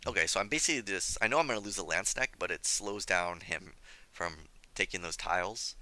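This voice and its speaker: A slightly hoarse young man commenting on his strategy game as he plays, chatty and scolding himself for his mistakes. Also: low voice, fairly quick, sharp tone. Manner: self-critical, chatty, thinking aloud. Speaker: gameplay commentator. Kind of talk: let's play commentary.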